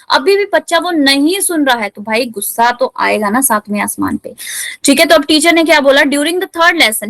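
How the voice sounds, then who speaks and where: A woman teacher explaining a chapter to students, reading English lines slowly and explaining them in a lively, playful way. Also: sits high, no echo. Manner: explains in Hindi, reads English text slowly.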